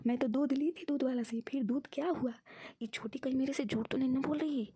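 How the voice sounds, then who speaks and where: A woman does cartoon voice acting as an indignant, whiny older woman pretending to be forgetful. She speaks fairly quickly in a high, steady, mellow voice with a breathy edge.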